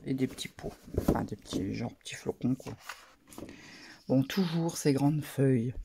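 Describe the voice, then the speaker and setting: A woman casually talking through a craft haul, soft-spoken and murmuring, her asides drifting into whispers. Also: extremely low pitch, unhurried, vocal fry, slight background noise. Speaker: craft vlogger.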